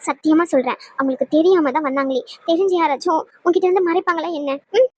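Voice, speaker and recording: A woman voicing a very high, pleading young wife. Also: quick pace. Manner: begging, repeats his name over and over. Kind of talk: dubbed cartoon dialogue.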